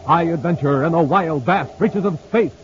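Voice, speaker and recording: A man with a fairly high voice, speaking at normal speed, announces a 1950s radio serial and reads its sponsor ads in an exclamatory, showman-like style. It sounds like a muffled old radio transcription with faint hiss.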